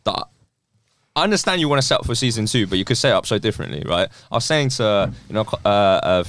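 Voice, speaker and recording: A man's voice: lowish voice, very animated, fast talker, a bit bright, no room sound. A man with a London roadman accent chatting casually with friends, emphatic and often repeating himself. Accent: London roadman, urban slang. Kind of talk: casual group chat.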